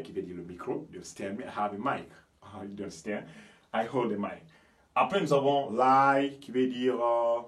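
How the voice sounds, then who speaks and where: A man from Guinea teaching English pronunciation, explaining word by word and often asking if the listener understands. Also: mid-range voice. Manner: explains slowly, checks understanding with "you understand me?"; switches between French and English. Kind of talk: pronunciation lesson.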